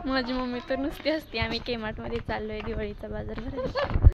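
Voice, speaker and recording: Young female vlogger, high voice, playful and talkative, loud outdoor street noise on a phone mic. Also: expressive, a little fast, lo-fi sound. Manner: chatty, teasing, laughs often. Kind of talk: casual vlog chat to camera. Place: outdoors on village lanes and at a bus stand. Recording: noisy outdoor phone recording.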